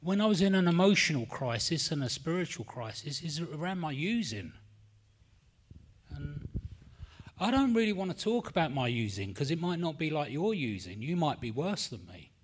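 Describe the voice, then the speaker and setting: In a meeting room at a recovery meeting, a middle-aged man from London, England, shares his story with a London accent, rambling and candid, cursing freely and confessing his nerves. His voice is fairly high and husky, with big pitch swings, at normal speed.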